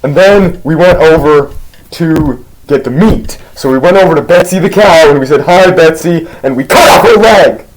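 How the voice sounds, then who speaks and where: A man's voice: fairly high pitch, normal speed, natural voice, poor audio. A man voicing a laid-back skeleton telling a story. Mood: rambling. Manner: rambling, absurd, full of restarts. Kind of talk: rambling comedic storytelling.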